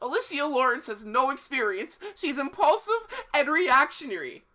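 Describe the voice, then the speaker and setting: A reader playing a defensive, self-pitying young male mayor who rambles fast and indignantly, in a raised voice. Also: high-pitched, sing-song, pushed and bright, pitched above the performer's own voice, exaggerated voice.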